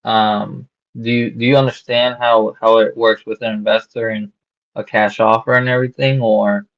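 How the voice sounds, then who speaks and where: Gravelly man on a muffled sales call. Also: lowish voice, flat delivery. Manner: halting, filler-heavy, restarts sentences. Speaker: real estate wholesaler cold-calling a seller. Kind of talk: casual sales phone call. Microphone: phone call. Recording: dull lo-fi call recording.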